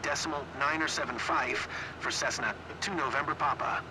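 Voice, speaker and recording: A man speaking as a pilot into a cockpit headset, giving brisk, clipped radio calls and readbacks in aviation phrasing. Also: a little high. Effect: pilot talking into a cockpit headset. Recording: loud engine and cockpit noise.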